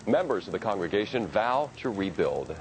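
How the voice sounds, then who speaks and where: A man's voice: fairly low pitch, big pitch swings, normal speed, slight background noise, poor audio. A man anchoring the news, reading scripted copy in a broadcast style.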